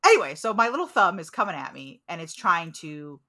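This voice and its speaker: A woman co-hosting a podcast in casual chat over a video call, excitable, joking and quick to laugh. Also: fairly low pitch. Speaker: podcast co-host.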